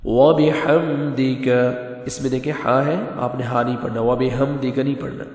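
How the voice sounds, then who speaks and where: Man chanting slow recitations, quick explanations. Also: mid-range voice, fairly even intonation, reverberant, long reverb tail. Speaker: religious teacher. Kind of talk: prayer recitation lesson.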